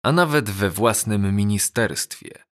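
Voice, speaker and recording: A man narrating a novel as an audiobook, measured and even. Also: on the low side. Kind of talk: scripted narration.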